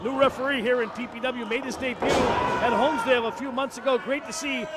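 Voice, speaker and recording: A man's voice: very high-pitched, steady tone, brisk. A man working as a wrestling commentator, calling live play-by-play in clipped bursts of move descriptions. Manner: narrates moves in clipped bursts. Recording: noisy event-hall recording.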